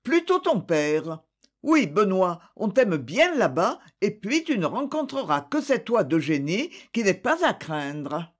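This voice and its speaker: A haughty, commanding middle-aged woman, voiced by an audiobook reader. She speaks curtly and slowly, with a lively rise and fall. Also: mid-range voice. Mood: dismissive. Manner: curt, commanding.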